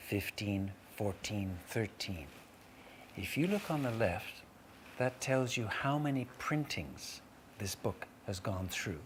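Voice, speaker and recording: A man hosting a live children's event, explaining things in formal, wordy, articulate phrases. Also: lowish voice. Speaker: event host. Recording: noisy live room.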